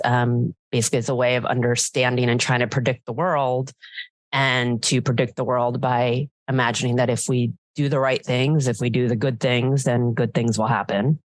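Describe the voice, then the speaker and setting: A woman's voice: rumbling low, steady tone, normal speed, no room sound. A woman psychologist, a podcast guest, chatting casually with a playful, teasing manner.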